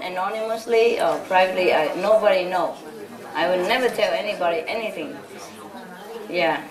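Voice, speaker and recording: A woman from Vietnam, a spiritual teacher, giving an informal lecture and telling stories in a chatty way with many "you know?" asides. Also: medium pitch. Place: large hall with an audience. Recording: echoey hall from a distance with audience.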